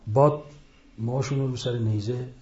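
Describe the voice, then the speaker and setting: A man giving an impassioned religious lecture, retelling a story and rising into loud rhetorical outbursts. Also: mid-range voice, steady tone, reverberant. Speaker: preacher. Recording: dull lo-fi recording.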